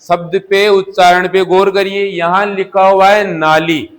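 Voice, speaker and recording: Male teacher, high voice, unhurried; quizzes the class and answers himself, drills key words. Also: level tone. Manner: asks questions and answers them himself, repeating key words. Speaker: Hindi teacher. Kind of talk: classroom lesson. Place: coaching classroom.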